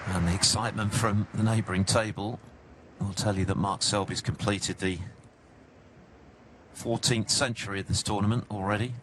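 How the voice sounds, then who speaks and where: A man delivering hushed, measured snooker commentary in an understated, scene-setting manner. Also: fairly low pitch, steady tone. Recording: broadcast with clear background noise.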